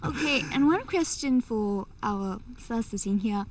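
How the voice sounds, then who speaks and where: A woman's voice: fairly high pitch, lively intonation, a little slow. A woman speaking casually as a participant in an interview programme. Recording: distant mic, clear background noise.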